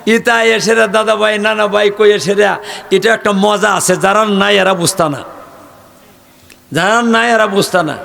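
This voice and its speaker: An older man preaching a folksy, joking sermon, rising at times to shouts. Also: high voice, creaky.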